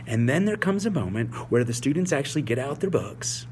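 A man's voice: medium pitch, very animated, brisk, darkish tone, slight background noise. A man in his forties, an English teacher, speaking passionately and emphatically to fellow teachers, repeating key phrases. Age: 40s.

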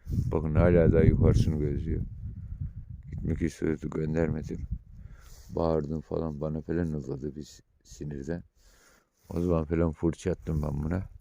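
A man who is a shepherd vlogger, talking casually to viewers at night outdoors on a phone camera, calling loudly to his dog between calm updates. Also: rumbling low, moderate pace, creaky, long pauses, highs cut off. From Turkey. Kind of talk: casual vlog talk to viewers.

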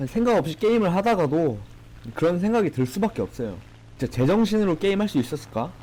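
A young man giving excitable, swearing commentary on his gameplay from a small room at home, tipsy from drinking. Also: high-pitched, quick pace, low-quality recording. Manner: excitable, swearing, shouting at enemies. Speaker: gaming streamer.

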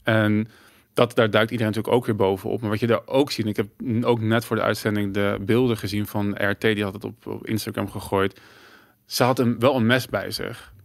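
A low-voiced man talks in a casual podcast discussion. He thinks aloud, repeats words and restarts as he searches for them. The recording is close and dry. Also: fairly even intonation, fairly quick, vocal fry, no room sound. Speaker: podcast host.

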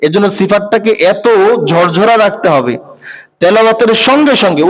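High-voiced man teaching recitation rules. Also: rough recording. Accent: Bangladeshi Bengali. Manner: explains step by step, asks rhetorical questions to students. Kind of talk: tajweed lesson, spoken explanation.

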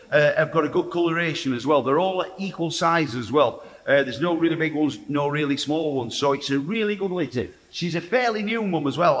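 Man, 40s, yorkshire accent, farmer, casual chatty update, slightly high voice, long barn reverb. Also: fairly bright tone. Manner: chatty, plain-spoken, with frequent "uh" fillers and restarts. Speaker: farmer presenting a farm video. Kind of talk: casual walk-and-talk farm update. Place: indoor pig barn with pens and straw.

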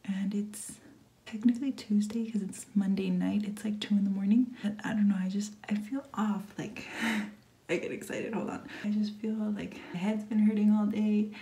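A young woman whispers into her phone camera late at night at home, speaking at an ordinary, middle pitch. She sounds nervous and rambles, trailing off and restarting her thoughts as she talks. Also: steady tone, moderate pace, warm tone. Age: 20s. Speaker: vlogger. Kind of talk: late-night confessional vlog.

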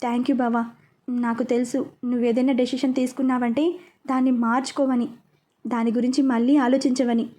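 A woman's voice: on the high side, flat delivery, brisk, warm tone, close to an everyday voice. Woman reading as a tender young bride.

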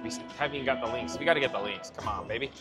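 A man's voice: mid-range voice, very fast. A man talking casually as he plays along in a slot machine vlog on a casino floor. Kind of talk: casual chat. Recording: loud music behind the voice.

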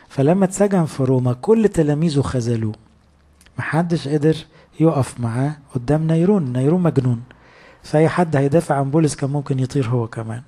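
A man's voice: medium pitch, warm tone, slightly rough. A man with an Egyptian accent preaching a sermon in a conversational way, full of rhetorical questions. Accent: Egyptian Arabic.

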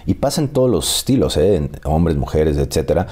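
A Mexican man in his thirties, an actor telling animated stories and laughing often in a casual interview. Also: extremely low pitch, brisk. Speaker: actor guest.

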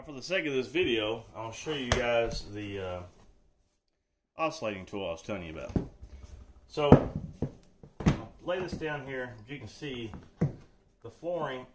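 In a casual how-to clip, a man of medium pitch works on a floor in a room under renovation, with background noise. The DIY channel host's camera mic captures his folksy, jokey, reassuring chatter.

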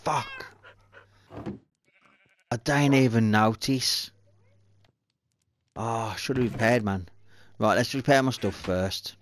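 In a let's-play video, a gaming host with a mid-range voice talks a little slowly and pauses often over slight background noise. He grumbles to himself and curses in frustration while playing.

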